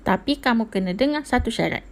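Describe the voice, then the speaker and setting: A woman's voice: a little high, lively intonation, fast, slight background noise. A woman voicing a spiteful, mocking frog in a puppet show. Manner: mocking, sarcastic.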